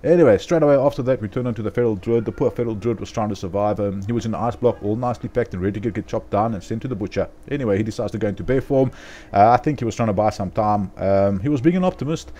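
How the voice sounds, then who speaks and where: A man's voice: on the low side, very fast, dark tone. A man with a South African accent giving a casual, upbeat voiceover commentary on his game matches, chatty and full of asides to his viewers. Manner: chatty, upbeat, lots of "um" and "guys". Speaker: gaming video host.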